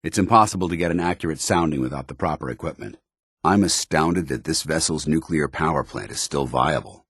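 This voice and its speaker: An actor playing a stern, dutiful military paladin in a post-apocalyptic video game, speaking formally with clipped authority. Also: male voice, rumbling low, a little fast, a bit bright, husky, no room sound, clean studio sound, exaggerated voice. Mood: vigilant, matter-of-fact. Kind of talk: video game companion dialogue.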